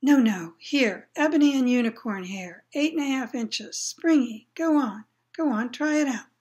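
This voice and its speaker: A woman voicing an eccentric old male wandmaker, fussy and eerie, moving from low murmurs to excited cries. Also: normal speed, close to an everyday voice. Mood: brisk, eager.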